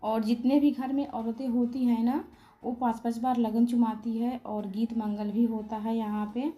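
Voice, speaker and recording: Hoarse woman vlogger, dark soft voice. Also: on the high side, level tone. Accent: Bihari Hindi. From Bihar, India. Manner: speaks slowly and softly to spare her voice. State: hoarse, sore throat. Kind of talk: casual vlog voice-over.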